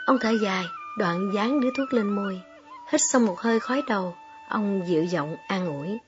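A woman reading a story aloud in calm, measured narration. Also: mid-range voice. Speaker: audiobook reader. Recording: slightly dull recording, soft music behind.

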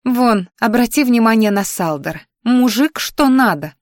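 A woman voicing a chatty, teasing inner voice in a story, pitched up high and squeaky. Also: animated, unhurried, no room sound, studio quality.

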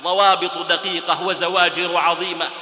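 A man's voice: high voice, little pitch movement, moderate pace, sharp tone. A man preaching a sermon, telling a story and reciting verse in rhythmic lines. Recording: echoey hall recording.

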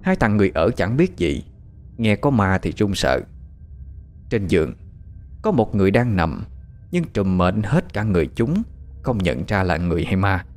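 A man narrating a horror story with a dramatic, animated delivery. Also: deep voice, moderate pace, pauses often. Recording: faint background music.

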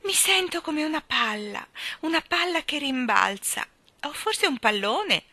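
Woman doing a shrill, fussy plump landlady. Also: very animated, measured pace, no room sound, exaggerated voice. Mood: giddy. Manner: loud, exclamatory.

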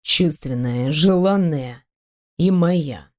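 A woman voicing a confident, seductive grown man who talks in a low, velvety, coaxing way in an audiobook. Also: moderate pace, close to an everyday voice. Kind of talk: audiobook reading.

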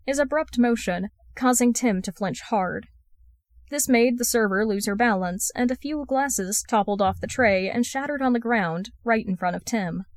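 A woman narrates fan fiction aloud at a mid pitch, keeping a steady storytelling pace. The recording is close and dry, with no room sound behind her. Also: no echo. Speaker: podfic reader.

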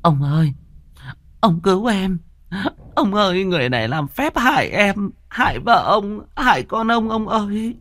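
A man's voice: sing-song, a little slow, fairly bright tone, heavily acted. A man voicing the vengeful ghost of a murdered young woman, eerie and accusing, in a spoken ghost story. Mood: pleading. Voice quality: eerie, high and shrieking. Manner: accusing, bitter, at times pleading.

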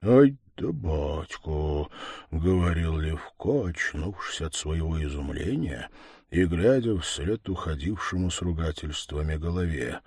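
A man narrating a classic story in a lively, animated reading. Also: extremely low pitch, measured pace, slightly rough, dry recording, studio quality.

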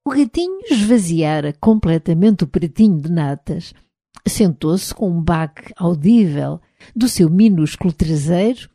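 A woman with a European Portuguese accent narrates a novel in the first person, measured and even. Her voice is low and mellow, recorded close on a dry, dead studio mic. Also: dry recording. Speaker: audiobook narrator.

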